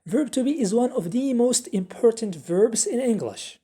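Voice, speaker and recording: Mellow, husky-voiced woman teacher. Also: on the high side, expressive. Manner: slow, repeats example sentences with Arabic translations. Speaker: English teacher. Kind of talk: classroom grammar lesson.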